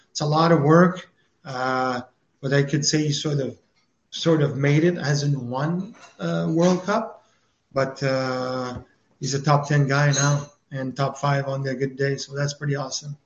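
Canadian guy in his 50s chatting loose and rambly, kinda high voice, roomy muffled sound. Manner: easygoing, rambling with fillers. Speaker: guest, former motocross champion. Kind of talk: casual interview chat. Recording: roomy, muffled remote audio.

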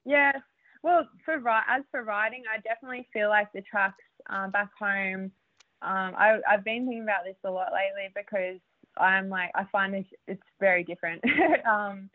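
A woman's voice: mid-range voice, fairly even intonation, normal speed, no room sound. Chatty Australian woman on a tinny line. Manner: chatty, laughs often, lots of fillers. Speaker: guest, motocross rider. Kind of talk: casual interview. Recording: dry tinny phone-like line.

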